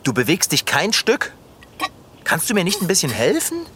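A performer playing a patient, practical cat owner in a children's radio play, calmly coaxing and reasoning. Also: mid-range voice, moderate pace, slight background noise. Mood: helpful.

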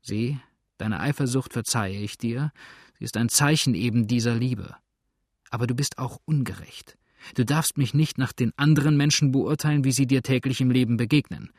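A man's voice: medium pitch, moderate pace, no echo, studio quality, close to an everyday voice. A man voicing a persuasive, commanding sea captain in an audiobook.

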